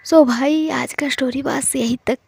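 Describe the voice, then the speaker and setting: A woman's voice: high voice, fairly even intonation, measured pace, creaky, darkish tone, breathy edge. A woman narrating a romance story in a casual, chatty way and talking directly to her listeners as the channel's host.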